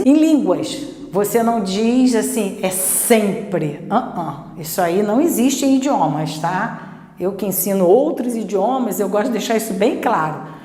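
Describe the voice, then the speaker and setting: A woman teaching an English pronunciation lesson, patient, repeating words slowly and checking in often. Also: fairly high pitch, darkish tone. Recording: echoey room with long reverb.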